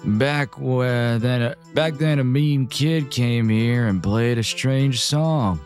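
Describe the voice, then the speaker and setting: A man voicing a grumpy, drawling male windmill keeper from a video game, in a slow stoner-style voice. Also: medium pitch, darkish tone, soft background music, lightly acted. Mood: grudging.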